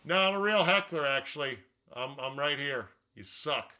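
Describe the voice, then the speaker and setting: A man voicing a sour heckler who jeers as if calling out from a crowd, held low. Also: lively intonation, normal speed, pushed and bright, smooth. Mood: jeering. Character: sour male heckler jeering the host.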